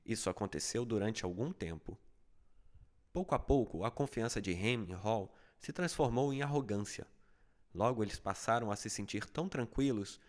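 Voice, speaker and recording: A man narrating a fable as an audiobook, with steady, even storytelling. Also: on the low side, normal speed.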